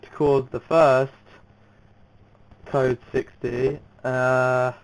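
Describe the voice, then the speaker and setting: A young man commentating on an amateur racing league, excitable and rambling, with many fillers and restarts. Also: mid-range voice, drawn-out words, clean tone, poor audio. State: out of breath. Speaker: race commentator.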